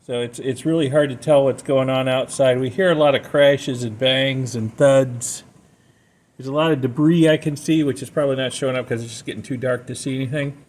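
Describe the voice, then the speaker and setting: A man's voice: mid-range voice, steady tone, a little fast, darkish tone. A man casually narrating what he sees around his home, as in a homemade vlog. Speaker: homeowner filming a storm vlog. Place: at a house during and after a storm. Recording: handheld recording with background noise.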